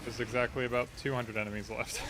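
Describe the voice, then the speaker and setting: A man's voice: mid-range voice, steady tone, normal speed. A man giving casual, off-the-cuff livestream commentary while playing a video game. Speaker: game streamer. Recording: clearly noisy game ambience behind.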